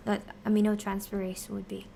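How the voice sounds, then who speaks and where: A woman's voice: medium pitch, monotone, fairly quick, gravelly, warm tone, a little hiss or hum. A woman explaining science casually on a study stream, posing questions and answering them, half talking to herself as she works through them. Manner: talks to herself while working through answers. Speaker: streamer teaching biochemistry.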